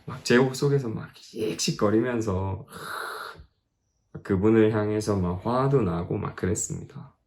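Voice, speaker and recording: A man's voice: on the low side, unhurried, a little mellow. A middle-aged man preaching to teenagers at a youth camp, telling a personal story and acting out the quoted dialogue with rising emphasis. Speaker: missionary speaker at youth camp.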